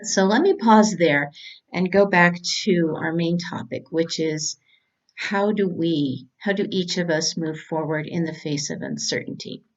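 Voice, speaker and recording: A middle-aged woman from California, a cancer doctor giving a prepared talk in a measured, earnest way. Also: fairly low pitch, highs cut off.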